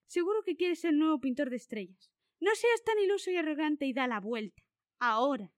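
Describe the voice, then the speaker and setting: A woman's voice: high voice, animated, a little fast, dry recording, studio quality. A woman voicing a proud, haughty female wolf guardian in a storybook, speaking sternly and scornfully. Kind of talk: storybook character voice.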